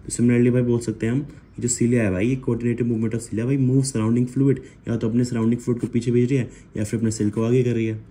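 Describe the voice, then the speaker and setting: A man's voice: mid-range voice, flat delivery, a little fast, warm tone. A young man from India, casually explaining biology for revision in a chatty way and often calling the listener brother. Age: young adult. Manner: chatty, calls listener bhai constantly, counts aloud. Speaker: student making revision videos. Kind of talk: casual lesson.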